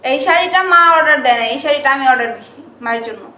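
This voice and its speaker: Actress as a righteous young wife, lecturing, very high and bright, echoey room. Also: female voice, rapid-fire. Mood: reproachful. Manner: lecturing, reproachful. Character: righteous young wife defending her mother-in-law.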